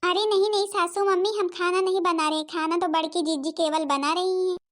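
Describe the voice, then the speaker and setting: A woman's voice: extremely high pitch, fairly even intonation, a little fast. Woman voicing a sweet new young bride. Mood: polite. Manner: polite, gentle. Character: sweet, newly married young daughter-in-law.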